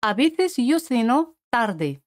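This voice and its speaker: A woman with a Spanish accent from Spain giving a scripted French lesson, speaking clearly and repeating each French word. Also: on the high side, sing-song, slow pace. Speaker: French teacher.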